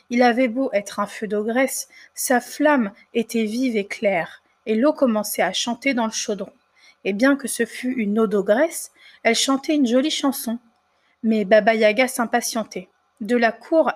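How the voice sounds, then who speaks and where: A woman reading a fairy tale aloud in a measured, expressive storytelling manner. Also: on the high side.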